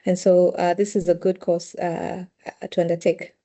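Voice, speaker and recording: A woman's voice: on the low side, level tone, moderate pace, warm tone. A woman from Kenya, a PhD researcher, introducing herself in an upbeat, polite way on a video call.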